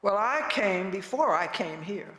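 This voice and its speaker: A woman in her seventies gives a poetic reflection to a congregation, speaking in a calm, gentle, wise way with deliberate pauses. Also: mid-range voice. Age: 70s. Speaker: retired minister, guest speaker. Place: large reverberant indoor room, speaking to a congregation. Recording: echoey hall with long reverb.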